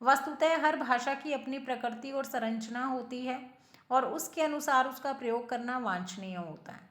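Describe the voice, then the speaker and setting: A woman's voice: sits high, a bit bright. Woman teaching a language lesson. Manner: explains slowly, repeating example words and asking questions. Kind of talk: classroom lecture.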